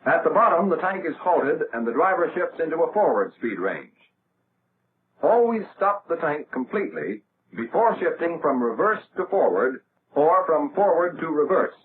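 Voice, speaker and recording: This 1940s army instructional film features an American male narrator heard through a narrow, tinny old soundtrack. He speaks in a fairly high register with animated intonation, working through his script in a steady, methodical way. Faint noise sits in the background.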